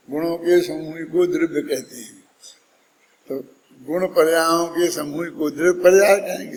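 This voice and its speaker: A man's voice: fairly high pitch, long reverb tail, a little hiss or hum, low-quality recording. A man giving a scripture discourse, explaining step by step and putting rhetorical questions to his listeners. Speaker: Jain scripture teacher.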